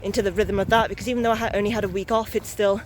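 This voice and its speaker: A woman's voice: mid-range voice, steady tone, racing, a little mellow. A young adult woman chatting candidly and in a rambling way for a casual vlog while out walking outdoors. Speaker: vlogger, new mother. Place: outdoors on a walk.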